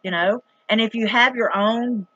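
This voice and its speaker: A vlogger in middle age from the rural US, Southern accent and all, tells a story to her viewers in a casual, dramatic, emphatic, plain-spoken folksy manner. She speaks on the high side at a moderate pace with a fairly bright tone. The recording is dry and lo-fi.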